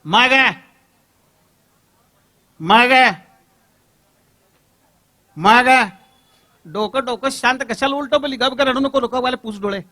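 A man voicing a brash boy scolding his sister on the phone, loud and blunt. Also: very high voice, brisk, pitched above the performer's own voice. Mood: soothing.

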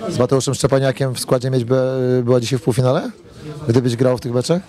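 A man's voice: medium pitch, fast talker, warm tone. A man asking a footballer post-match questions, stumbling over words with fillers. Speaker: sports reporter.

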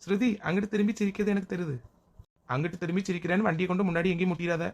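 A woman's voice: lowish voice, steady tone, racing, darkish tone, close to an everyday voice. A woman playing a teasing, lovestruck young man who talks playfully.

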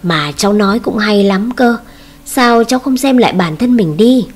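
A mother in her forties with a biting tongue, as a woman narrator reads her. She talks back sharply and scornfully. The husky voice stays at a middle pitch. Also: expressive, normal speed, a little mellow, close to an everyday voice.

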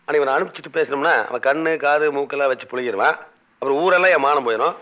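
A man's voice: on the high side, racing, natural voice. A man playing a flustered middle-aged boss. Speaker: company boss. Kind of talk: comic film dialogue. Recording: dull lo-fi film audio.

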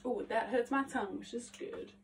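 A young woman vlogging her vocal warmup, chatty, rambling and self-mocking, her voice slightly phlegmy. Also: on the high side, normal speed, slight background noise. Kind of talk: casual vocal warmup vlog. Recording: voice a bit distant from mic.

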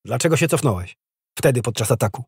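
A cold, commanding prince with a husky, grainy edge to his voice, as a male audiobook narrator puts him on. He gives curt orders, and his pitch swings with plenty of movement. The recording is dry and close. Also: lively intonation, quick pace, dry recording.

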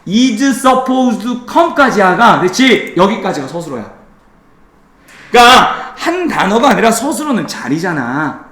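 Lively, high-voiced, teasing male teacher. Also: echoey room. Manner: playful teasing, drilling students with quick questions. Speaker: English teacher. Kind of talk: classroom lecture.

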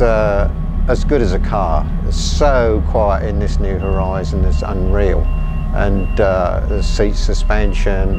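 A man's voice: fairly low pitch, darkish tone, a little hiss or hum. An older man who operates farm sprayers, talking plainly and enthusiastically about his machine in a filmed customer testimonial, often repeating a word as he goes. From England. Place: large farm machinery shed.

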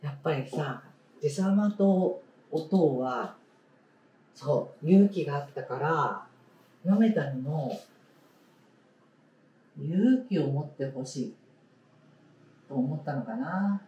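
A woman teacher leading a read-aloud lesson, speaking slowly and emphatically, repeating key words and asking the class questions. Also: low voice, expressive, warm tone, highs cut off. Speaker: primary school teacher. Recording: roomy sound, distant mic.

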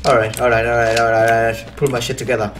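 A young man in casual let's play commentary, swearing a lot, repeating "all right" and shouting in panic during fights. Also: mid-range voice, flat delivery, fast, background noise. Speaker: gaming YouTuber.

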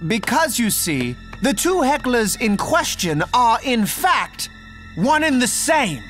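A man's voice: very high voice, big pitch swings, slow, fairly bright tone, faint music behind, pitched above the performer's own voice, heavily acted. A man voicing a cartoon male cat who poses as a self-important British police inspector, speaking in a put-on British accent. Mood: grandly deductive. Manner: theatrical, self-important sleuth.

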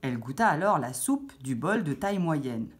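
A woman reading a children's fairy tale aloud with expressive storytelling. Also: sits low, normal speed.

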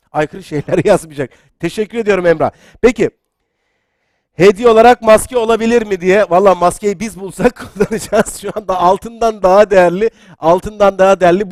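A man hosting a live-streamed quiz show, chatty and excitable, reading out viewer comments and sometimes getting loud. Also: high-pitched, dry recording, clean studio sound. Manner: excitable, gets loud then apologizes.

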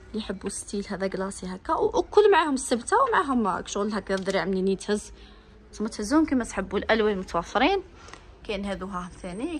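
A woman's voice: mid-range voice, a little hiss or hum. A woman with an Algerian Arabic accent filming inside a bag shop on her phone, eagerly reeling off prices and gushing over the bags as a shopping vlogger. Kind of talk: product showcase vlog. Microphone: handheld phone while filming.

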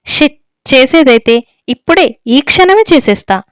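A woman's voice: sits high, animated, unhurried, fairly bright tone, no echo, clean studio sound. A woman doing a swaggering young groom. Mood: boastful. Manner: swaggering, mixes English words, pushy. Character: boastful young man, newlywed groom, showy. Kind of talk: storybook reading.

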